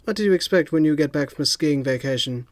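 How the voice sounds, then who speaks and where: A man voicing a suave male secret agent with smooth, dry wit. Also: a little high, expressive, quick pace, no echo, lightly acted.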